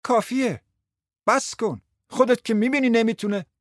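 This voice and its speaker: A man voicing a determined, scheming young wife who speaks in a hushed, coaxing way. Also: mid-range voice, breathy edge, no room sound, studio quality, lightly acted. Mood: exasperated shout.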